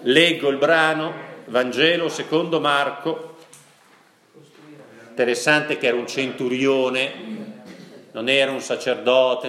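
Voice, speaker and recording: A man preaching in a church, his voice ringing through an echoey hall. He tells a story and asks his listeners questions, slowing to a crawl on the key words. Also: mid-range voice, sharp tone. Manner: storytelling, asks the audience questions, slows down for emphasis. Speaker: priest. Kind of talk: sermon.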